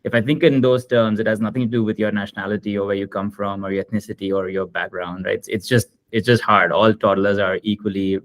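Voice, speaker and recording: Thoughtful low-voiced man on a video panel. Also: little pitch movement, fast, hardly any pauses, no echo. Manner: reflective, repeats words as he thinks. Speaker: children's book author, panel guest. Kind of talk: panel discussion answer.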